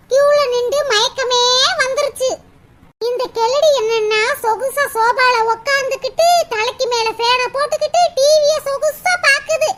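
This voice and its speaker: A woman's voice: extremely high pitch, pitched below the performer's own voice. A woman doing a resentful, muttering daughter-in-law. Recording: distant voice with loud noise.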